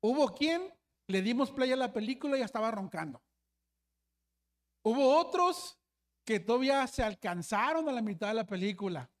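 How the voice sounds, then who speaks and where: A man's voice: high voice, expressive, brisk. A man who is a pastor, preaching a sermon and telling a story, with frequent restarts and constant asides to his listeners. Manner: storytelling, often says hermanos, frequent restarts.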